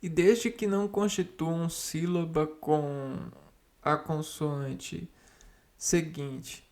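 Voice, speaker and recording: A man slowly reading spelling rules aloud and explaining them to himself, halting and repeating words as he goes. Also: a little high, steady tone, darkish tone.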